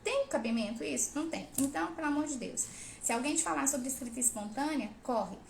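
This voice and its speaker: A woman's voice: sits high, expressive, fairly quick, vocal fry, a little hiss or hum. A woman who is a parent hosts a live Q&A about literacy, talking bluntly and emphatically, scolding and acting out the people she quotes. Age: adult parent. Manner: acts out quoted voices. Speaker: host of a parenting and literacy channel. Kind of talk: live Q&A talk. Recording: roomy echo with faint ambience.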